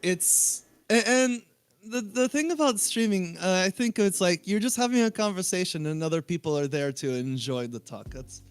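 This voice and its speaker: A man's voice: high voice, lively intonation, normal speed, smooth. A man who streams game coaching, chatting on a livestream as a guest in a joking, self-deprecating way. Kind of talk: casual chat on a livestream.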